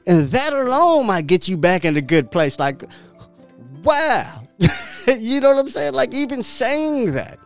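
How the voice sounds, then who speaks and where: A fairly high-voiced man delivering a motivational podcast monologue. His pitch swings widely as he repeats his points with blunt profanity and laughs often. Faint music plays underneath. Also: very animated, unhurried. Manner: profane, emphatic, repetitive preaching. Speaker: podcast host.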